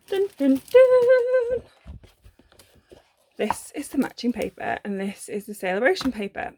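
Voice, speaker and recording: A woman's voice: mid-range voice, vocal fry, slight background noise. A woman, from the UK, chatting casually through a papercraft unboxing, gushing about the items with lots of ums and self-corrections. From United Kingdom. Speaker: papercraft vlogger.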